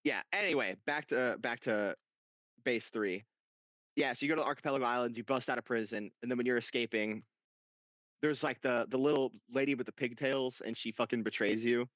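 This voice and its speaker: A young man in casual podcast chat, telling a game story with excitement and frequent swearing. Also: mid-range voice, a little fast, no echo. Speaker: podcast co-host. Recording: dull lo-fi dry sound.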